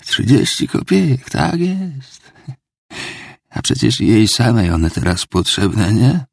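A man voicing a drunken, self-pitying older ex-clerk in an audiobook, rambling and pleading in a theatrical confession, gravelly and husky. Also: mid-range voice, sing-song, slow, dry recording, clean studio sound, voice pushed up, exaggerated voice. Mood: bitter, agitated. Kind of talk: audiobook character reading.

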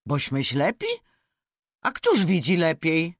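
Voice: mid-range voice, wildly swooping pitch, slow, no room sound, clean studio sound, heavily acted. A reader voicing a bold, witty old starling who teases in a spoken fable. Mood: mocking. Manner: teasing, sharp-witted.

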